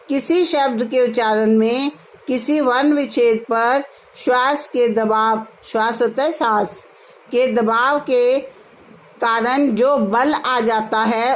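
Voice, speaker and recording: A woman's voice: on the high side, rough recording. A woman teacher, patiently explaining a grammar lesson to her students. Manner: slow, patient, addresses students as "beta".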